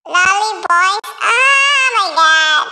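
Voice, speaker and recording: A woman's voice: lively intonation, very slow, pushed and bright, heavily acted. A woman using a voice-changer effect to sound like a baby, playful and laughing. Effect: voice-changer pitch-up effect. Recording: echoey reverb.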